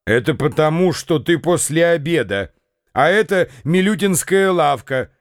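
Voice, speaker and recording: A man's voice: on the high side, animated, unhurried, no echo, studio quality, pitched above the performer's own voice. A man voicing a scornful, bullying young man. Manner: snapping, contemptuous.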